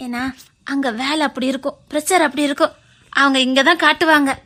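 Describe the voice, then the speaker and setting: A woman's voice: sits high, fairly even intonation, a little fast, sharp tone. A woman playing a firm, soothing aunt. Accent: Tirunelveli Tamil. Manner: soothing yet lecturing, reasoning patiently. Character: consoling aunt, practical and firm. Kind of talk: web series drama acting.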